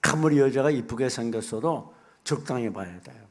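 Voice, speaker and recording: A middle-aged man preaching a sermon as pastor, folksy and animated, acting out little asides. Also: medium pitch, normal speed.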